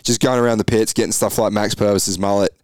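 A man hosts a casual motocross podcast in a fairly low voice. He chats in quick bursts, full of fillers and restarts. The mic is close and the sound is dry. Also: fairly even intonation, a little mellow, no echo. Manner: chatty, quick bursts, frequent laughs and fillers. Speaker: podcast host.

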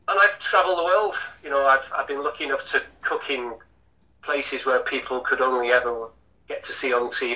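Bright-voiced older chef. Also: male voice, mid-range voice, distant mic, rough recording. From Lancashire, England. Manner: chatty, rambling with frequent restarts. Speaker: hotel chef. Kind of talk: interview.

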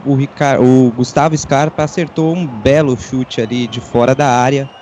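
A man's voice: mid-range voice, steady tone, normal speed, a little mellow. A Brazilian man giving live match analysis as the pundit on a football radio broadcast. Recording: dull lo-fi audio, faint noise.

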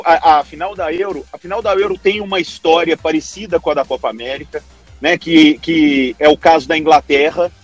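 Brazilian male sports panellist, casual delivery, rough husky voice, faint music bed. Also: a little high. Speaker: football commentator on a podcast.

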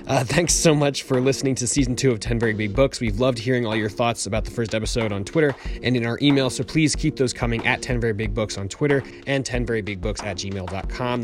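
A man producing a podcast, reading the outro announcements while recording under a blanket on vacation, sounding muffled. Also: medium pitch.

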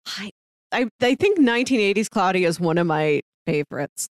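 A woman co-hosts a podcast, chatting casually about a TV drama and qualifying her opinions as she goes. Her mid-range voice is expressive and moves at a normal speed, captured in studio quality with no echo.

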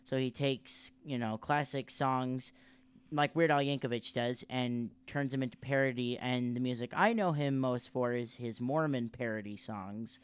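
A man's voice: medium pitch, normal speed, clean tone, no echo. A man co-hosting a podcast, chatting casually, hesitating and explaining things for listeners. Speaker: podcast co-host. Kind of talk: casual chat recap.

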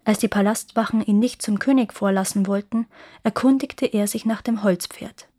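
A woman reads a fairy tale aloud in a lively, expressive storyteller's manner. Her voice sits at a middle pitch, and the recording is close and dry with no room sound. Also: normal speed, no room sound.

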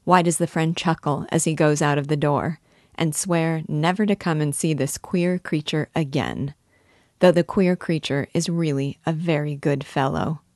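A woman reading a classic novel aloud in a measured, earnest storytelling manner. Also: deep voice, darkish tone, no room sound, studio quality. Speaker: audiobook narrator. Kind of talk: scripted narration.

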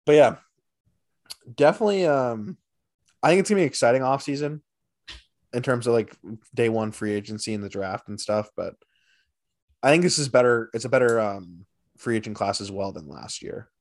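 A man co-hosting a casual hockey podcast, his voice sitting in an ordinary middle pitch. He jumps between excitement and teasing, speeding up when a thought grabs him. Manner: animated, teasing, quick bursts of excitement. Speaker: podcast co-host. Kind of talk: casual sports chat.

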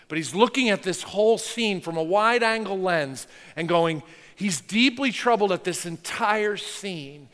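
A man's voice: sits high, fairly bright tone, in a large hall. A man preaching a sermon as pastor, talking earnestly and conversationally, with rhetorical questions to the congregation.

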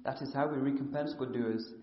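A man reading a scripture commentary aloud at a brisk, even pace. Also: mid-range voice. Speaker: reader of the text. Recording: echoey hall, muffled.

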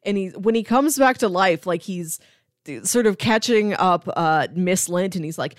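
A woman co-hosting a podcast, talking in a lively, chatty way and laughing easily. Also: lowish voice, moderate pace, no echo, clean studio sound. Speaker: podcast co-host. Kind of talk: casual chat.

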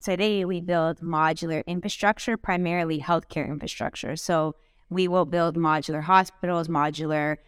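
A woman CEO answering interview questions in an earnest, measured way, often listing items. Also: lowish voice, fairly even intonation, clean tone, dry recording, studio quality. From Canada. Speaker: company CEO, guest. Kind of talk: podcast interview.

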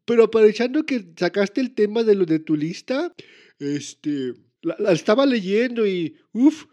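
A man playing a soft-spoken, hesitant father who is out of work. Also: high-pitched, animated, a little slow. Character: gentle, unemployed father. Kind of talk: comedic voice acting.

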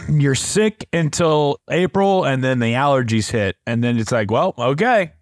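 A young man co-hosting a casual podcast over a video call, sick with a dry, raspy voice and telling teasing stories. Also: medium pitch, steady tone, a little slow, dry recording. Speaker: podcast co-host. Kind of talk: casual chat. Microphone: earbuds and Zoom mic.

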